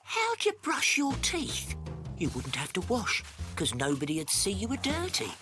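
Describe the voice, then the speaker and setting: A man's voice: high-pitched, wildly swooping pitch, moderate pace. A British man voicing a childlike, curious animal friend in a children's cartoon. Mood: musing. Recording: music behind the voice.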